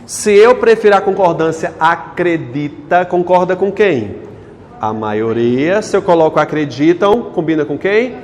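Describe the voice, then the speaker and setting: A man's voice: on the high side, lively intonation, measured pace, in a large hall, slight background noise. A male teacher lectures a class on grammar, quizzing the students with questions as he goes.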